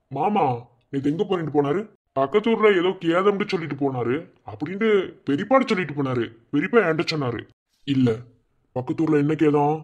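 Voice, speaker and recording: A man voicing a worried village man in a cartoon, with a Madurai Tamil accent. He reassures the others and mutters over his suspicions. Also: fairly high pitch. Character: worried village man, protective older brother. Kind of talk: cartoon voice acting.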